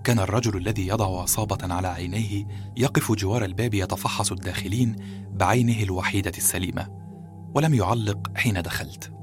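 A man reads a novel aloud in steady first-person narration. His voice is fairly deep. Faint music plays behind him.

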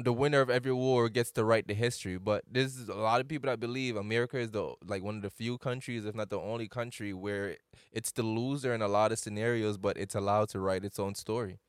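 A man's voice: medium pitch, smooth, dry recording, clean studio sound. A man in his late twenties, hosting a loose, rambling casual chat with plenty of slang. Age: late 20s.

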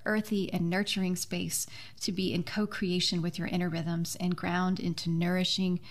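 A podcast host and author, this woman speaks at normal speed in a lowish, flat voice. Her conversational style is nonetheless earnest and effusive.

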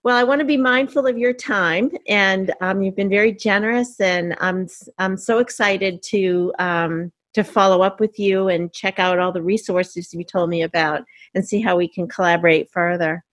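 A woman's voice: medium pitch, fairly even intonation, moderate pace, hardly any pauses, no echo. Encouraging woman host. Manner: warm, encouraging, chatty. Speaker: podcast host. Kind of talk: casual interview chat.

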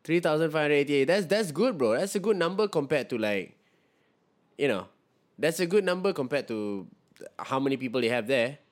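A Singaporean man chatting casually as a co-host, in an animated, slangy way peppered with "bro", "man" and "lah". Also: on the high side, brisk. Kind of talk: casual chat.

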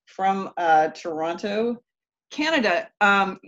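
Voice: medium pitch, lively intonation, slow pace, a bit bright, dull audio. A podcast host in casual interview chat, talking loosely in rambling sentences and joking along.

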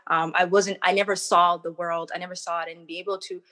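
A young woman chatting as an interview guest, telling animated stories and acting out what people said. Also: fairly low pitch, a little fast. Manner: animated storyteller, acts out quotes. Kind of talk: casual interview chat.

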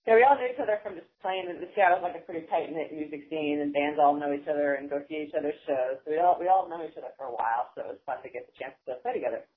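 A woman's voice: sits low, very fast, hardly any pauses. A woman heard over the phone, a band's guitarist and singer, chatting casually and teasing her bandmates. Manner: joking, teasing. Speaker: band guitarist and singer, interview guest. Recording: tinny phone line.

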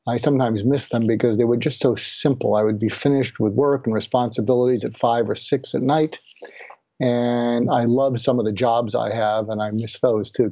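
An older man recounts his own past in an earnest, reflective way. His voice is dark and mellow. The recording is dry and sounds dull, with little room around it. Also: mid-range voice, no room sound. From Boston area, USA. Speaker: guest, physician. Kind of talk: personal storytelling in an interview.

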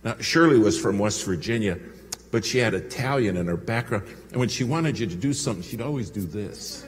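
A man's voice: on the low side, lively intonation, brisk. A man preaching a sermon to a congregation in a church, telling a story and speaking to the crowd. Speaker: pastor. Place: church sanctuary. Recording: long hall reverb with faint hum.

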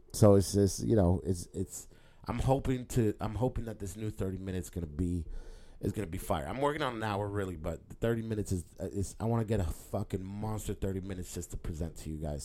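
A man's voice: low voice, brisk, mellow. A man who is a comedian, talking loosely on his podcast with lots of fillers and swearing. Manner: rambling, loose, heavy filler and profanity. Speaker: stand-up comedian and podcast host. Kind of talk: casual podcast monologue.

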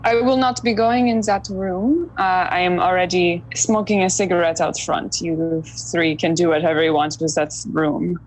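A lower-voiced woman plays in a tabletop game, stating her actions flatly and matter-of-factly. Faint background noise hangs in the air. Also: moderate pace, hardly any pauses, low-quality recording. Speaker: player.

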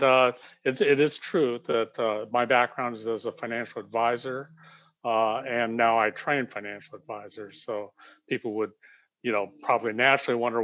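A man from the United States talking as a podcast guest, calm and measured as he reflects on his work. His pitch is middling, and the recording is close and dry with no echo. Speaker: guest, leadership coach. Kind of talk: casual interview chat.

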